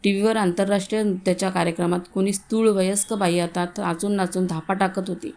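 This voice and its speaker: A woman reading a short story aloud in a calm, even storytelling manner, voicing the family's dialogue herself. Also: mid-range voice, quick pace. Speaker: story reader.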